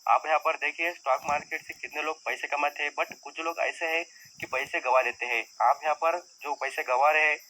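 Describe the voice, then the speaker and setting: A man's voice: on the high side, fairly even intonation, a little fast, pushed and bright, a little hiss or hum, low-quality recording. A man teaching viewers about stock market risk in a conversational, repetitive lesson style. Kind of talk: explanatory screen-share lesson.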